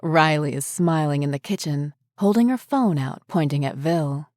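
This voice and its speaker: A woman narrating a horror short story in a measured, descriptive way. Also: low-pitched, a little mellow, no echo, studio quality.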